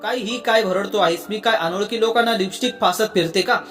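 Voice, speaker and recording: Storyteller doing a fiery young woman snapping back, sharp tongue, soft music behind. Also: mid-range voice, lively intonation, brisk, close to an everyday voice. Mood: scolding. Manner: scolding, snapping.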